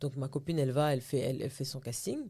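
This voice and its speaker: A woman's voice: very deep voice, very fast, breathy edge, dry recording. A woman from Cameroon, an actress and TV host, telling her story in a casual interview and slipping English phrases into her talk. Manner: animated storytelling, often slips into English phrases.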